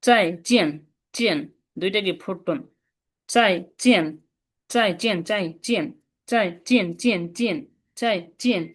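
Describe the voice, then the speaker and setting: A woman with a Bangladeshi Bengali accent giving a casual spoken lesson, explaining step by step and repeating syllables slowly. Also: mid-range voice. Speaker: Chinese language teacher.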